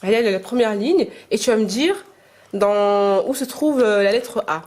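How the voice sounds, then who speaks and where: A mother speaks at an ordinary, mid-range pitch, pausing often as she explains. She guides her young children through a reading lesson patiently and gently. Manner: hesitant, halting speech to camera. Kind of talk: casual home-schooling vlog and lesson.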